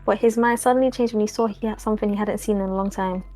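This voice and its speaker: A woman reading a story aloud to friends, quickly and evenly. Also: medium pitch, steady tone, warm tone, soft background music.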